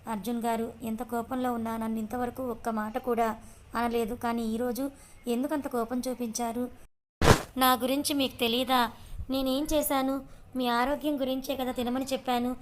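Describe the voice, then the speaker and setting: A woman voicing a young devoted wife who speaks softly and pleadingly. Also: fairly high pitch, flat delivery, moderate pace, slight background noise, lightly acted. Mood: hurt.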